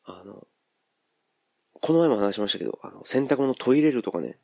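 A Kansai man hosts a solo podcast in a low, gravelly voice. His pitch swings widely as he muses aloud, circling back with fillers. The sound is dry and close, with no room around it. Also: expressive, moderate pace, dark tone, no room sound. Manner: rambling and musing, thinks aloud with many fillers. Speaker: podcast host. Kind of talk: casual solo monologue.

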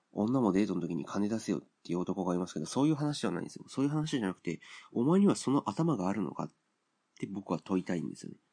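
A man talks alone into his podcast mic, airing blunt opinions in an unhurried, filler-laden way. His voice sits low and carries a gravelly fry. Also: mellow. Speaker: podcast host. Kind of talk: casual solo podcast monologue.

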